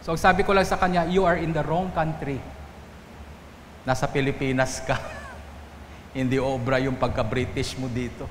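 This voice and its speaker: A man's voice: medium pitch, fairly even intonation, normal speed, pauses often, slight background noise. A man from the Philippines, a priest giving a Sunday homily, telling stories and quoting people in shifting voices. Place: church. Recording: echoey church hall, faint ambience.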